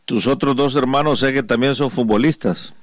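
A man's voice: medium pitch, normal speed, dry recording, studio quality. A man who is a pastor and family counselor, hosting an interview and giving parents earnest advice.

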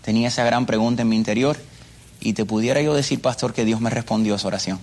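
Here an interview guest from Cuba tells his own story in earnest, with a Cuban Spanish accent and frequent repetition of phrases. He talks at a quick pace in a mid-range, slightly mellow voice whose intonation stays fairly even.

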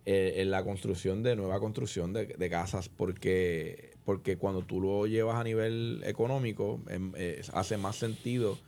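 A man's voice: low-pitched, steady tone, a little slow, hardly any pauses, darkish tone. A man from Puerto Rico with a Puerto Rican accent, explaining housing costs on a radio talk show through worked examples, often repeating words as he thinks. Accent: Puerto Rican Spanish.

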